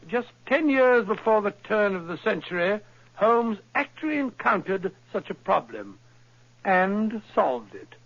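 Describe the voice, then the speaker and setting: A man's voice: high-pitched, fairly bright tone, full character voice. An actor playing a genial, bluff older male doctor in a 1940s radio drama, with a hearty, eager way of speaking. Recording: dull old radio recording.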